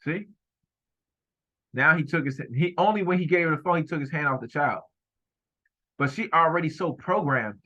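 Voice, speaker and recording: A man's voice: fairly high pitch, moderate pace, pauses often, sharp tone. Emphatic man commenting on a video, lo-fi. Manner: emphatic and repetitive, accusing. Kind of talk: heated running commentary over a video.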